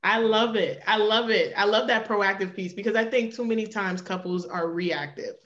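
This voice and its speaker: A woman's voice: medium pitch, normal speed, a bit bright, highs cut off. A woman hosting an interview, enthusiastic and full of praise for her guests. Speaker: interview host.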